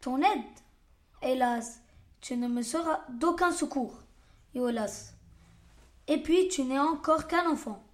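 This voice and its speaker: Woman doing a weary heroic warrior, slow and steady. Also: sits high. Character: strong heroic grown man, weary but caring.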